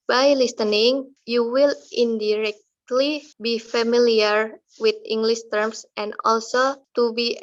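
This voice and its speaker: A young woman reads her part of a student presentation very slowly and carefully. Her voice is a little high, and the recording has a dull, lo-fi quality. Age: young adult. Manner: slow, careful reading. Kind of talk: reading a class presentation.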